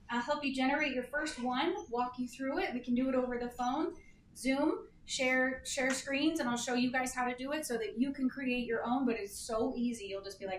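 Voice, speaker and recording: Woman demoing stuff at a work meeting, chatty and excited, echoey room, some hiss. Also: high voice. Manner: chatty, quick, enthusiastic. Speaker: real estate staff presenter. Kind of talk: casual meeting demo. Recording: echoey room, distant mic, faint noise.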